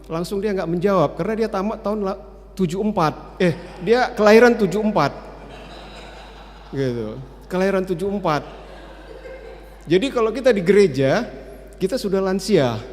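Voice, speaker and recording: A man's voice: high voice, normal speed, long pauses, slight background noise. Older man giving announcements in an echoing hall. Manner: relaxed, chatty, many hesitant fillers. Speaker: church service announcer. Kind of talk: church announcements. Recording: long reverb of a church hall.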